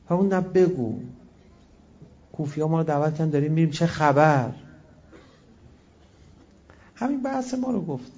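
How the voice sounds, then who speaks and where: A man preaching a sermon, telling stories and shifting between loud exclamations and quiet asides. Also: fairly high pitch, vocal fry, dull audio. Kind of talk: religious sermon with storytelling.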